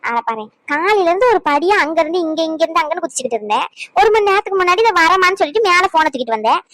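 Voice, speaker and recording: A woman's voice: extremely high pitch, sing-song, rapid-fire, a bit bright, no echo, heavily acted. A woman voicing a fussy, scolding older grandmother in a cartoon. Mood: complaining. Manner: nagging, scolding. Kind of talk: cartoon voice acting.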